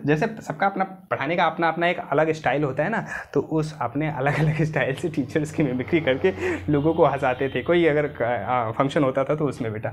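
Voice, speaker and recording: A man teaching biology in a casual, chatty way, speaking with an Indian accent, addressing students fondly and slowing down to dictate. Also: on the high side, slight background noise. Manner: chatty, calls students "beta", slows right down to dictate English. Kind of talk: casual classroom lecture.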